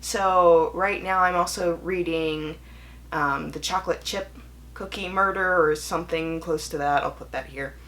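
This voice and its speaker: Speaking unhurriedly in a fairly bright, low-leaning voice with mostly even intonation, this young woman delivers a candid, chatty vlog monologue. As a book reviewer and video host, she keeps self-correcting and slips into impressions of imagined voices.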